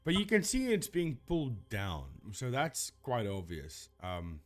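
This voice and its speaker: Streaming live, an Afrikaans-speaking man debunks ghost videos in casual, animated commentary. He talks a little slowly at a medium pitch, rambling and correcting himself as he goes.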